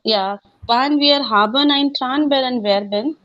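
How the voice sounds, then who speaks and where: A woman's voice: sits high, measured pace, dull audio. A woman student in an online class, answering hesitantly and searching for words in a language she is learning.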